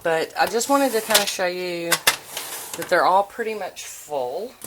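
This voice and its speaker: A woman with a low voice narrates a casual home tour. She talks informally, like a hobby vlogger chatting to viewers. The recording is very noisy, with clicks behind her. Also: expressive, unhurried. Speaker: vlogger showing a nail polish collection. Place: indoors at home, handheld camera, drawers handled.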